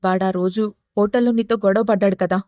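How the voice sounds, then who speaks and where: A woman's voice: mid-range voice, fairly even intonation, brisk, warm tone, dry recording, clean studio sound, lightly acted. A woman voicing an arrogant young man, a politician's son, who talks in an irritated, dismissive way.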